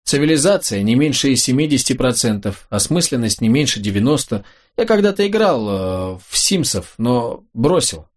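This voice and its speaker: A rough, blunt young guy with crude words, as a male narrator puts him on. His manner is offhand and grudging. The voice is husky, heard in an audiobook reading. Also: medium pitch, very animated, moderate pace.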